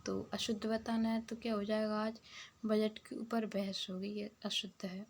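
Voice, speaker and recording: A woman's voice: mid-range voice, level tone, normal speed, slight background noise. A woman teacher working through exam questions, reading each one out and then explaining the answer. Some of her answers are half-whispered.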